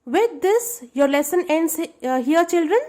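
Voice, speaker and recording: A woman's voice: high-pitched, lively intonation, measured pace, darkish tone. A woman teaching a grammar lesson to schoolchildren, explaining patiently and checking that they understand.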